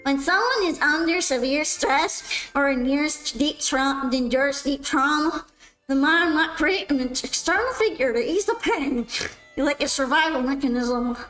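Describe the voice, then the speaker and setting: A snorty male nerd, voiced by a woman, lectures in a pedantic, short-of-breath way. His voice sits high for a man. Faint game music plays underneath. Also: a bit bright, low-quality recording.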